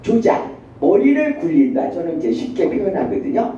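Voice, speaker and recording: A woman professor giving a university lecture in a classroom, animated and acting out children and mothers in her examples. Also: fairly low pitch, moderate pace, far from the mic, slight background noise. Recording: echoey lo-fi classroom recording from afar.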